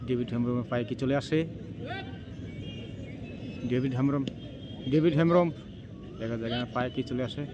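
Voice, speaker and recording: A man giving excited live football commentary on a penalty shootout outdoors, repeating names and phrases as he goes. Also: mid-range voice, fairly quick, pauses often. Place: outdoors at a local football ground. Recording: noisy outdoor field with traffic ambience.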